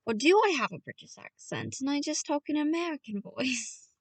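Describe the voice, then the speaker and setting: This woman's high voice swoops wildly in pitch as she reads a novel a little fast, casual-audiobook style. She's playful with voices, chats, and keeps stopping to talk to her listeners. There's no echo, though she's recorded from a distance.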